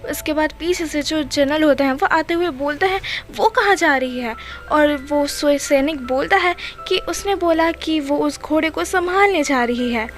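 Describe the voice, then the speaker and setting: High-voiced young woman retelling a drama. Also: normal speed, hardly any pauses. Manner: plain steady retelling, reads dialogue flatly. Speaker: drama recap narrator. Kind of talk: casual storytelling recap. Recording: faint background music.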